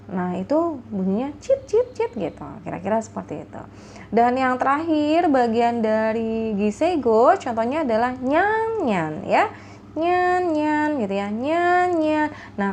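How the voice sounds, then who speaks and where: A woman teaching a language lesson, explaining each word slowly and playfully imitating animal sounds, with frequent tag questions. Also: on the high side, darkish tone, a little hiss or hum.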